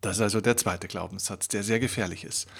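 Husky man giving earnest self-help advice. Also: fairly low pitch, fairly even intonation, fast talker, a bit bright. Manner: earnest, coaching, addresses listener directly. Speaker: podcast host. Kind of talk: motivational self-help monologue.

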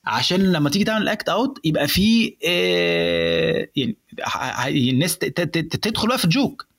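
A young man with an Egyptian accent, explaining in casual chat how to build a stand-up joke, animated and mixing in English words. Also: on the high side, brisk, husky. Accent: Egyptian Arabic.

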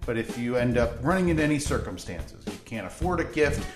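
A man's voice: medium pitch, sing-song, brisk. A man chatting casually as a podcast co-host, in a poor-quality recording. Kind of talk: casual chat. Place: makeshift podcast studio. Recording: roomy echo, music underneath, poor audio quality.

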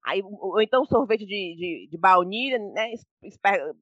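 A woman tells funny family stories on a casual podcast, her pitch swinging up and down as she acts out the people in them. She laughs often and talks in an animated way. The sound is close and dry, with no room echo. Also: normal speed, highs cut off. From Brazil. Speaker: podcast co-host. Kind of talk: casual storytelling chat.

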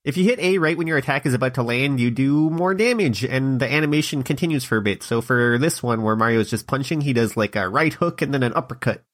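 A man's voice: medium pitch, expressive, quick pace, few pauses, a bit bright. Wry man narrating a game. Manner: wry, joking asides. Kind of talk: comedic play-by-play narration.

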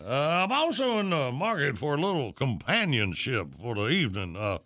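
Man playing a bright-voiced dusty old prospector. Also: mid-range voice, big pitch swings, moderate pace. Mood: hesitant, wary. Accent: American rural Western drawl. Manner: folksy old prospector talk, hesitant stammering. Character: dusty old male prospector, lonesome gold panner. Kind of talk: comic radio playhouse sketch acting.

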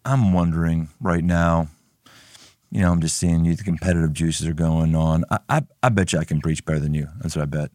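A man's voice: extremely low pitch, steady tone, fairly quick, darkish tone, no echo, clean studio sound. A man hosting a casual chat and preaching off the cuff, playfully competitive and repeating phrases for emphasis. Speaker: podcast host and preacher.

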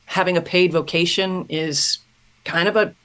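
A middle-aged woman, a podcast guest, telling her story in an earnest, thoughtful way, often pausing and restarting a thought. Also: lowish voice, fairly even intonation, fairly bright tone. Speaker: podcast guest, self-mastery mentor. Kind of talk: reflective personal storytelling.

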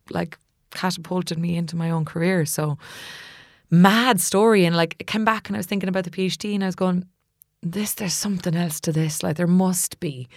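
A woman's voice: fairly low pitch, creaky, dry recording, studio quality. A woman with a West of Ireland accent telling a personal story casually and animatedly, acting out what people said. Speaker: musician and songwriting teacher.

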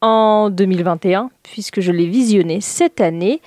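A woman's voice: mid-range voice, normal speed, mellow, no echo. A woman on a casual podcast presenting a TV series, chatty and hesitant, with frequent fillers. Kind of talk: casual chat.

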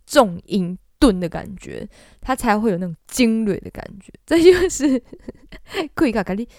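A woman's voice: fairly high pitch, very animated, measured pace, darkish tone, no echo, clean studio sound. A woman, hosting a casual singing lesson in a playful, chatty way. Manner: playful, chatty, often laughs and demonstrates. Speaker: podcast host teaching singing.

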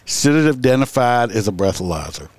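A man's voice: mid-range voice, big pitch swings, brisk, darkish tone, dry recording. A man hosting a podcast, chatting casually and joking, laughing often and acting out quotes. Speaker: podcast host. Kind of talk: casual comedic chat.

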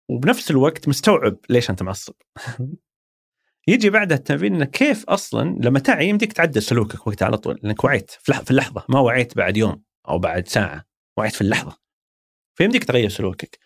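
In a clean, echo-free studio recording, a former marketing executive with a Saudi accent talks as an interview guest. His mid-range voice is creaky. Reflective and conversational, he explains ideas thoughtfully through examples drawn from daily life.

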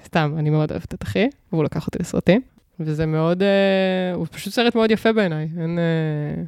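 A woman guesting on a podcast, articulate and measured with a lightly wry tone, on a close mic. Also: fairly low pitch, darkish tone, smooth, dry recording. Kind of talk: casual podcast chat.

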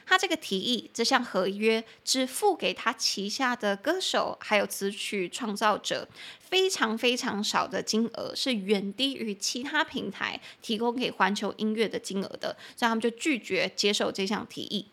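A young woman hosting a podcast lesson, explaining English phrases in chatty Mandarin and spelling words out slowly. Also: medium pitch, animated, a bit bright. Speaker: English teacher and podcast host. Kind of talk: bilingual language lesson.

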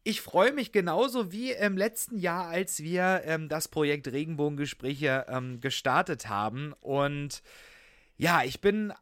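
A man's voice: on the high side, a little slow, a bit bright, dry recording, clean studio sound. A man co-hosting a podcast in a casual, conversational style. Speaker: podcast co-host.

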